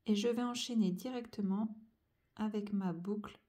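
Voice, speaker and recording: A woman's voice: medium pitch, steady tone, normal speed, warm tone. A woman teaching young children to join cursive letters, going over each stroke and sound patiently, one step at a time. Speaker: handwriting teacher.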